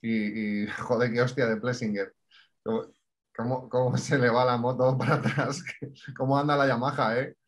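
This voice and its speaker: Casual Spanish guy, mid-pitched voice. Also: little pitch movement, moderate pace. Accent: Spain. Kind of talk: casual sports chat.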